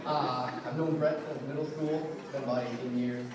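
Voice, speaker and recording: A man's voice: mid-range voice, fairly even intonation, moderate pace. Echoey young man giving a wedding toast. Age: young adult. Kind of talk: wedding toast speech, anecdotal and joking. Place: large reverberant room at a wedding reception. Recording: echoey noisy room, distant mic.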